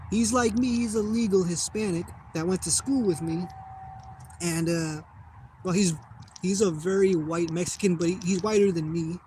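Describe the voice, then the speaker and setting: Swearing freely and wandering whenever his thoughts slip away, a young American vlogger from the United States delivers a casual monologue. He has a high, slightly mellow voice, recorded against background noise.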